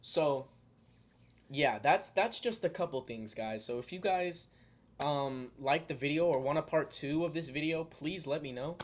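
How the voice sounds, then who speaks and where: With a fairly high-pitched voice and an unhurried delivery, a young man speaks straight to his audience in a casual vlog. His sincere spiritual thoughts come out loosely, broken by fillers and restarts.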